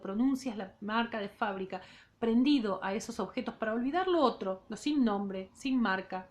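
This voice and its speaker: A woman with an Argentine accent, a literature teacher, reading a novel aloud in class and pausing to comment on it casually. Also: medium pitch, darkish tone. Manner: reads in second person, breaks off for casual remarks.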